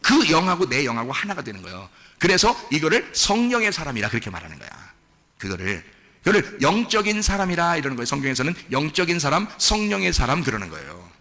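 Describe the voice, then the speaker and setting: A pastor preaching a sermon, lively and questioning, often asking the congregation for answers and moving between casual and polite speech. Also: male voice, fairly high pitch, quick pace. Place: church sanctuary. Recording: echoey hall reverb.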